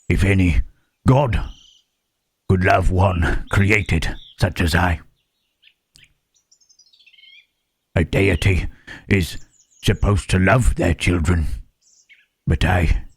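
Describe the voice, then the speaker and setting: A man voicing a gentle, melancholy monster in an ASMR roleplay, speaking haltingly and pensively in formal phrases with questioning hums. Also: no echo, exaggerated voice. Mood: sorrowful, doubting. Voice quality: low, husky. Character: gentle, melancholy Frankenstein's monster, male, pondering his soul.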